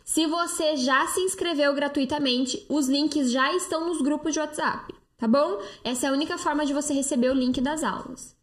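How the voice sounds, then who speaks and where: A Brazilian woman with a high voice speaks into a phone held close during a live stream. She talks in a chatty, persuasive way, answering viewer comments and sprinkling her speech with fillers. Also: moderate pace, few pauses. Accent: Brazilian Portuguese. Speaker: live-stream host, detox coach.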